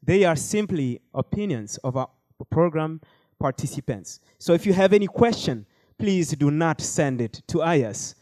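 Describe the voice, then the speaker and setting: A man's voice: a little high, lively intonation, normal speed, a little mellow, no echo. A man hosting a panel discussion, speaking with frequent hesitations and fillers. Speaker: host.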